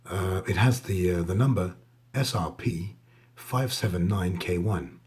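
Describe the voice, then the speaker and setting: A man giving a casual, hesitant watch show-and-tell, his voice husky, thick and strained from a sore, swollen throat. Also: sits low, unhurried, a little mellow. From Denmark. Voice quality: husky, raspy. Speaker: watch reviewer.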